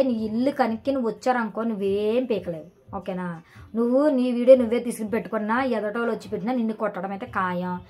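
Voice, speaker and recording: A woman vlogger ranting in casual reaction commentary, scolding and sarcastic, often tossing in "okay?". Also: medium pitch. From Telugu-speaking India.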